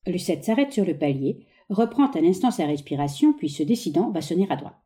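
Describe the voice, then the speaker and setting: A woman reading the stage directions of a play aloud in a calm, plain way. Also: lowish voice, a little fast. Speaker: reader.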